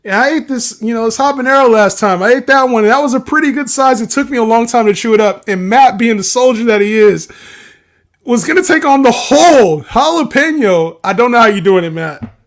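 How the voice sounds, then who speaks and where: A man's voice: very high voice, lively intonation, a little fast. A man co-hosting a casual sports betting livestream, laughing often and teasing his partner. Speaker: livestream co-host.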